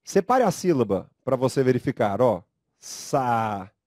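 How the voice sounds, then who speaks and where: A man with a Brazilian Portuguese accent teaching a recorded grammar lecture, speaking slowly and emphatically, drawing out syllables and coaxing students to read aloud. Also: mid-range voice, sing-song, a little mellow, no echo, studio quality. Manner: slow, emphatic, drawn-out syllables.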